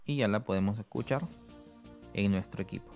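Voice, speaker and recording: A man presenting an app tutorial, explaining each step slowly and checking in with the listener. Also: lowish voice, creaky, a little mellow, soft background music. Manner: explains slowly, often adds "¿no?".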